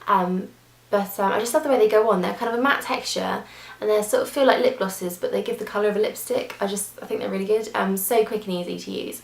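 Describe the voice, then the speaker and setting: A woman's voice: medium pitch, fast talker, gravelly. A young woman chatting casually through a beauty product review, gushing, with lots of fillers and restarts. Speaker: beauty vlogger. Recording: echoey room.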